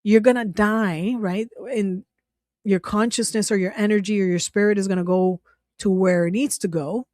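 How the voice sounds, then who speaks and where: A woman's voice: medium pitch, fairly even intonation, moderate pace, darkish tone, no echo, clean studio sound. A woman hosting a casual commentary vlog, talking in a profane, incredulous way, laughing often and rambling with many restarts. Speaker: channel host.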